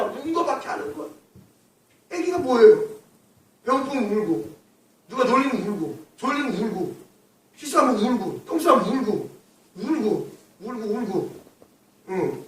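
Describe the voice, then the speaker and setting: In a church sanctuary, a male pastor preaches a sermon, often posing questions to the congregation and answering them himself. His voice is very high-pitched and fairly bright, recorded in an echoey hall with the mic far off.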